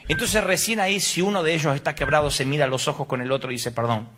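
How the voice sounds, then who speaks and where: A man's voice: fairly high pitch, animated, quick pace, background noise. A middle-aged Argentine man preaching a humorous sermon, telling stories with acted voices and sound effects. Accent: Argentine Spanish. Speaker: pastor.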